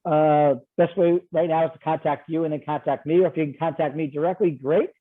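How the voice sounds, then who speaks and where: A man with a New York accent answering interview questions, fast-talking and animated, over a video call. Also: on the high side. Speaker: guest expert. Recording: tinny phone-like line.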